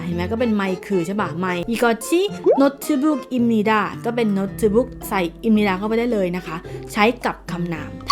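A chatty young woman teaches a relaxed online language lesson, talking straight to her viewers and calling herself by name. Her pitch sits in the everyday middle for a woman. Clear background music plays under her voice.

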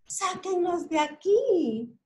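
A tiny, friendly blue truck from a children's storybook, squeaky and excited, as a woman voices it. The pitch jumps very high above her reading voice. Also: drawn-out words, exaggerated voice. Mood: panicked. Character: small brave friendly little blue truck.

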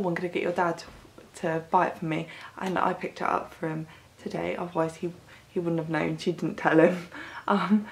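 A woman's voice: medium pitch, creaky. A British woman in her twenties chatting casually through a shopping haul as a vlogger, with a tired voice that is starting to give out. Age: 20s. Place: bedroom, indoors. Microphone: camera a short distance away. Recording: roomy echo, faint background noise.

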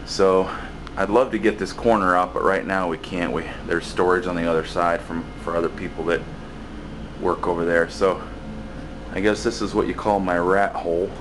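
Behind a handheld camera and out of frame, a man walks through the cluttered basement workshop where he does building maintenance, rambling casually with many fillers and restarts. He speaks at normal speed in a low, level voice. The background is noisy.

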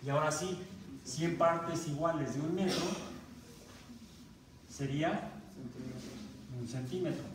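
A man's voice: fairly high pitch, takes it slowly, long pauses. A man with a Mexican Spanish accent gives a university math lecture in a classroom, often quizzing the students and restarting words. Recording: very echoey classroom recorded from far off, noisy.

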